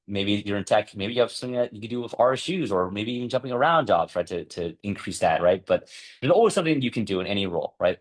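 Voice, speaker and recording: A man in his thirties presenting a workshop in a casual, chatty way, often tagging "right?" and acting out past conversations. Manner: acts out past dialogue with lively jumps in pitch.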